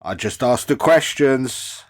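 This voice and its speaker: A man riffing on clips in a mocking, profane way. His voice sits at an ordinary middle pitch, and his quips come out sharp and scornful. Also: animated, slow. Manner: profane, mocking, lots of swearing. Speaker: commentary host reacting to clips. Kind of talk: sarcastic commentary.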